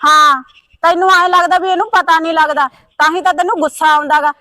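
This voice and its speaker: A sharp-tongued village daughter-in-law, played by a woman with a Punjabi accent, who scolds in a high, fast voice. She keeps up an endless stream of accusations. The sound is dry and close. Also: fairly even intonation, no echo. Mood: bickering. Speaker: actor in a village short film.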